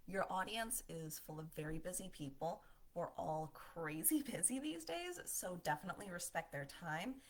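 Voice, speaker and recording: Casting: woman with a low voice, cheerful instructor talking over slides, friendly and chatty. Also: lively intonation, normal speed, hardly any pauses. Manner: upbeat, smiling, conversational. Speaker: marketing instructor. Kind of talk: presentation voiceover lesson.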